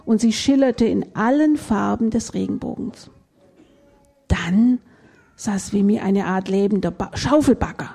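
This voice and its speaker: A woman reads a children's picture book aloud in a gentle storytelling manner. Her voice is dark and mellow, with a husky, gravelly grain, and it sits a little high for a woman. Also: unhurried. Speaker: reader.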